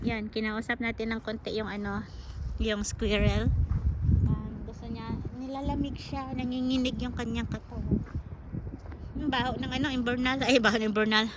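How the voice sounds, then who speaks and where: High-voiced woman chatting on a park walk. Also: flat delivery, normal speed, heavy background noise. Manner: chatty, coaxing, sing-song baby talk to a squirrel. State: out of breath on an uphill stretch. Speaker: vlogger. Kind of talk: casual walking vlog, talking to viewers. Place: outdoors on a city park trail. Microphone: handheld phone camera.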